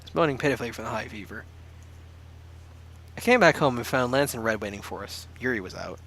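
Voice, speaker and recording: Co-hosting a laid-back playthrough of a visual novel, a man jokes, laughs often and reads the game's narration aloud. His medium-pitched voice is expressive, a bit bright and a little fast.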